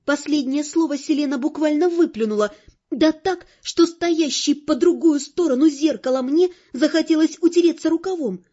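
High-voiced woman reading an audiobook. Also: normal speed, lo-fi sound. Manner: expressive, wry storytelling. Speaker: audiobook narrator. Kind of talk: scripted narration.

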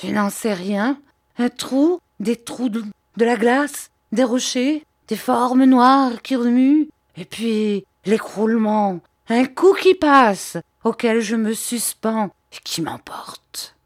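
A dazed, shaken detective stammers out broken fragments of what he saw, as a woman voices him in an audiobook. The delivery is slow and halting. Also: fairly high pitch, dry recording, studio quality, voice pushed up.

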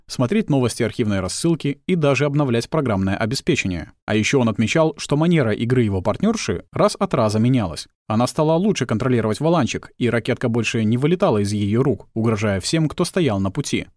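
An audiobook narrator, a man with a mid-range voice, reads scripted narration in an expressive storytelling manner. The studio sound is clean, with no echo.

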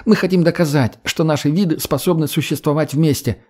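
A man's voice: on the high side, fairly quick, voice pushed up, lightly acted. A man voicing a defiant, sneering young redheaded woman in an audiobook. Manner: mocking, sharp-tongued. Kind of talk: audiobook character voice.

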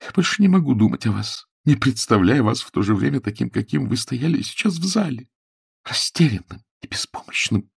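A man's voice: medium pitch, expressive, a little fast, gravelly, breathy edge, pitched above the performer's own voice. A man voicing a tearful reproachful young woman. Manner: soft, trembling and pleading.

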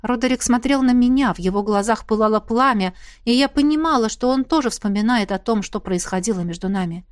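A woman's voice: on the high side, brisk, hardly any pauses, dry recording. Woman narrating an audiobook, dry and close. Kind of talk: scripted first-person narration.

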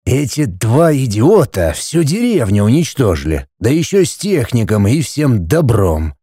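Voiced by a man, this is a grave middle-aged judge and father who speaks slowly and with weight. His tone is dark and mellow. The pitch still moves a lot as he lectures, and the sound is dry and close. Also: very animated, slightly rough, dry recording. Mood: stern. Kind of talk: audiobook character voice.

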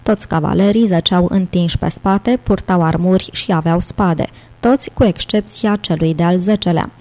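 A woman reads an audiobook aloud with a steady, measured delivery. Her voice sits fairly low. Its tone is mellow and warm rather than bright. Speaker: audiobook narrator. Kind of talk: audiobook narration.

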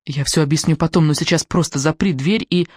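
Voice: medium pitch, fairly quick, darkish tone, slightly rough, no room sound, clean studio sound, lightly acted. A reader voicing a teenage girl who gives urgent instructions over the phone.

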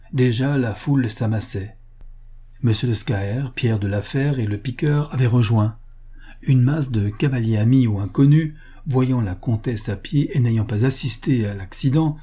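A man narrating a classic novel as an audiobook in a measured, even reading voice. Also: medium pitch, slightly rough. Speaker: audiobook reader.

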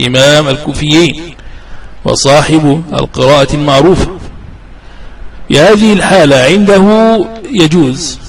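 A male grammar teacher giving a formal lecture. He draws out example verb forms slowly, repeats key rules, and asks rhetorical questions that he then answers himself. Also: medium pitch, rough recording. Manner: slow, deliberate drawing-out of example verb forms. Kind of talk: explanatory lecture on classical grammar.

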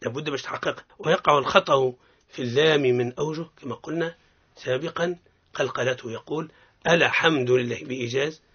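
A man with a Tunisian accent teaching Quran recitation on the radio. He explains step by step and models sounds slowly for listeners to repeat. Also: medium pitch, a bit bright, husky. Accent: Tunisian Arabic. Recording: dull lo-fi radio recording.

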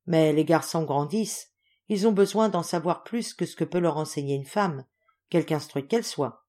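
A woman's voice: low voice, warm tone. A woman doing a courteous male officer. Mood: earnest. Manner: measured, respectful, earnest. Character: kind thoughtful male officer confidant.

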